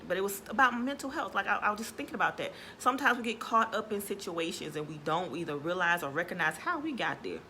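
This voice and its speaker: On a social media live stream, a woman gives an earnest yet casual motivational talk, often asking viewers "right?" and greeting them by name between points. Her mid-range voice has a sharp tone. The phone or webcam mic picks up a little hiss or hum.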